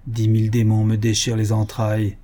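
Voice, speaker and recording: A demanding, irascible old baronet on his deathbed, voiced by a male audiobook reader in a mellow, husky tone pushed higher and louder. He presses his demands and flares into angry orders, a storybook drunkard used to being master in his own house. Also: completely flat delivery, a little fast, lightly acted. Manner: insistent and commanding, rising to angry outbursts.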